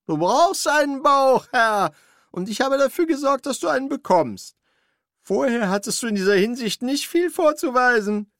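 A narrator putting on the voice of a fussy, servile old manservant in a radio play, talking high and quick. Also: male voice, lively intonation, fairly bright tone, no echo, heavily acted. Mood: coaxing. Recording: dry studio recording.

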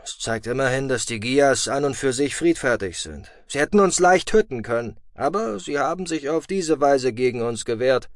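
A man voicing a calm, dryly humorous male space commander in an audiobook. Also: dry recording, studio quality, natural voice. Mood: concerned. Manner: calm, measured, lower. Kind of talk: audiobook reading.

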